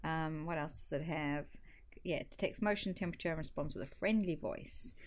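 A woman's voice: sits low, fairly quick. A woman co-hosting a podcast in casual chat, chatty and hesitant with ums. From Australia or New Zealand. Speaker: podcast co-host.

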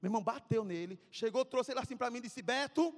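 A man with a very high-pitched voice preaches fast at a youth service in a church sanctuary, with long church-hall reverb on the recording. He tells a comic story animatedly, acting out scenes and calling out to the audience.

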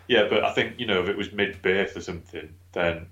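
Very low-voiced guy chatting, echoey room, kinda muffled. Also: fairly bright tone. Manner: supportive, frequent short agreements. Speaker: podcast co-host, expectant father. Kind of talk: casual podcast chat. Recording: roomy, dull lo-fi sound.

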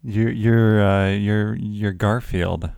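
A man's voice: on the low side, fairly even intonation, slow, gravelly, a little mellow, dry recording. A man in his forties co-hosting a podcast, chatting casually in a laid-back, teasing way and laughing often. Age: 40s. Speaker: podcast co-host. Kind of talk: casual chat.

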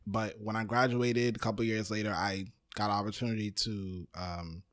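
Laid-back Brooklyn-born man, lowish voice. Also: level tone, moderate pace. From Brooklyn, New York, USA. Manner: loose, rambling, frequent "um" and "you know". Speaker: podcast network founder, guest. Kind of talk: casual interview talk.

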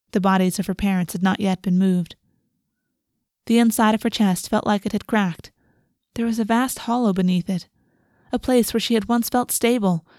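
Woman, audiobook narrator, scripted fantasy storytelling, medium pitch, dry close recording. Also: mellow, no echo.

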